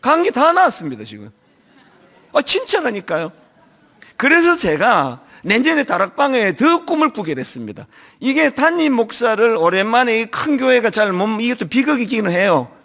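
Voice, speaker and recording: A middle-aged man preaching a sermon as senior pastor, telling stories in an animated way with a touch of a lingering cold. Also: very high voice, normal speed. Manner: animated storytelling, acting out quoted voices. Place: church.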